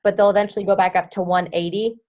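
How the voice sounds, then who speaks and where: A woman's voice: mid-range voice, level tone, fast talker. A chatty young woman leading her team through a casual update. She strings her thoughts together with constant "like" and "um" and hums small filler tunes while she thinks. The sound is dull and lo-fi. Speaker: team coach leading a group call. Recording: dull lo-fi audio.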